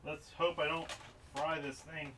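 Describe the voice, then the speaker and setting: While live streaming his repairs of game consoles, a man with a higher, pushed and bright voice chats casually and mumbles asides to himself as he works. His tone is level and his pace measured, and he sits a bit far from the mic with faint background noise.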